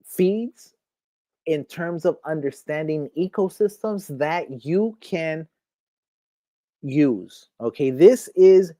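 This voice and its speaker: An excitable crypto channel host walks viewers through a screen, stacking up "okay?" and "look at this right here" between points. The voice sits in a middling register. It comes across dry and close, with no room around it. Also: medium pitch, takes it slowly, no room sound. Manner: hyped, keeps repeating "okay?" and "right here"; addresses viewers as "my people". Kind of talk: screen walkthrough commentary.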